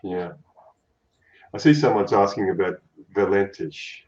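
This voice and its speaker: Low male voice, broad Australian accent, laid-back casual guest chat, colloquial, dull lo-fi call audio. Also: expressive, measured pace, a little mellow, reverberant.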